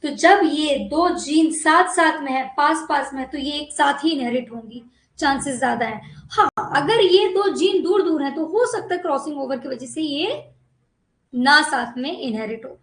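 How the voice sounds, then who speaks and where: Female biology teacher with a high voice, lecturing in an echoey room. Coaxing, keeps checking that the class follows. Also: lively intonation, moderate pace, a bit bright. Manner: coaxing, repeatedly checks understanding.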